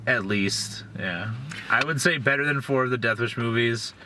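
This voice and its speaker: A man's voice: mid-range voice, normal speed, bright, forceful tone, recorded from a distance, slight background noise. A young man co-hosting a casual movie review chat, laid-back and rambling, laughing easily.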